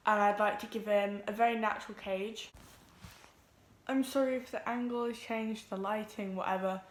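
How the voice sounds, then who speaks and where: Teen girl chatting nervously to camera, lots of ums, middle pitch, echoey room. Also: steady tone, a little hiss or hum. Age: teens. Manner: nervous, talks quickly with many ums. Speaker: vlogger. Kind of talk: casual vlog introduction. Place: home room with pets.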